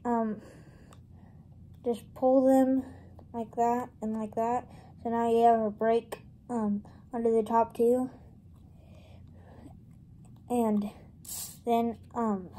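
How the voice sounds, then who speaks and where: A woman presenting a casual step-by-step tutorial, explaining things in an informal, halting way. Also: on the high side, warm tone. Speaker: presenter of a card trick tutorial.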